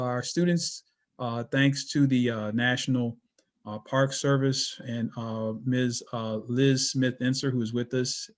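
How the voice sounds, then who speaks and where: Halting middle-aged male professor on a video call. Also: mid-range voice. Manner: halting, filler-heavy, many restarts. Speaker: geography professor hosting a class presentation. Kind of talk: online presentation introduction.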